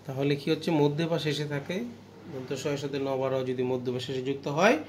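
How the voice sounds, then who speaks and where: A man's voice: medium pitch, slight background noise. A male teacher with a Bangladeshi Bengali accent, going through a grammar lesson, stressing rules and asking students questions. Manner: explains slowly, repeats rules, asks the class questions.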